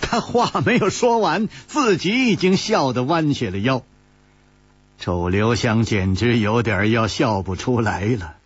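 A man telling a pingshu-style story in a lively, animated way, often laughing at his own lines. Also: mid-range voice, a little slow, husky, no room sound, highs cut off.

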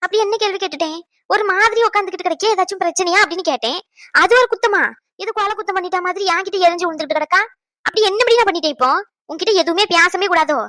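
A woman voicing a sharp-tongued, nagging middle-aged mother in a cartoon dub. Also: sits high, expressive, dry recording. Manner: scolding, nagging, rapid-fire. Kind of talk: cartoon dubbing.

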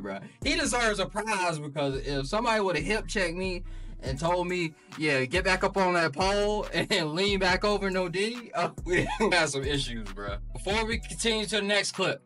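A man's voice: high voice, sharp tone, far from the mic. A young man giving casual, slangy reaction commentary, incredulous and breaking into shocked laughter. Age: young adult. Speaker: host of prank reaction videos. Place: small indoor room.

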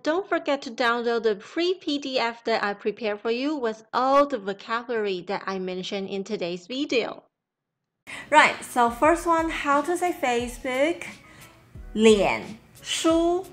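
A woman in her thirties with a Taiwanese accent, a native Mandarin speaker, teaching a language lesson to camera and repeating key terms. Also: fairly high pitch. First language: Mandarin Chinese. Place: small room at home, indoors.

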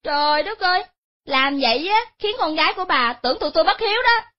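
A cruel daughter-in-law, put on by a woman narrator, scolding in a shrill, high voice that rattles along fast. The sound is dull and lo-fi. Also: animated.

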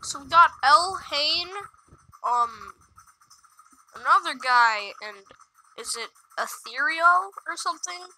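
A woman commentating her own gameplay in a high voice with a very bright, cutting edge. She talks slowly and drily, with sarcastic complaints and casual swearing throughout. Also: lively intonation, poor audio. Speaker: gaming video creator.

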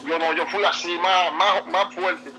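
A man's voice: high-pitched, steady tone, a little slow, pushed and bright, slight background noise, poor audio. A man talking as a baseball player guest in a casual interview, earnest and emotional, often repeating himself. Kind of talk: casual interview, heartfelt storytelling.

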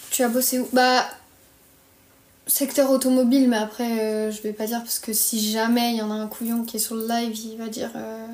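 A young woman from France, early twenties, speaks in a slightly high voice while livestreaming casual, griping, slangy chatter with a French accent. Faint background noise comes through, and her phone at arm's length in a small bedroom gives an echoey sound.

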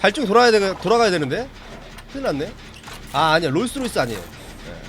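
A man's voice: sits high, wildly swooping pitch, fast, a bit bright, soft background music. A man chatting casually with his viewers while streaming a horror game, reacting to the play and answering chat.

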